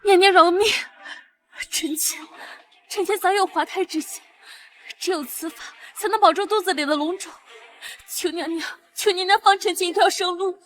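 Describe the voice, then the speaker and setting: An actress playing a proud, volatile pregnant imperial concubine in a period costume drama, shrill and quick to hysteria. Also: female voice, a bit bright. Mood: pleading.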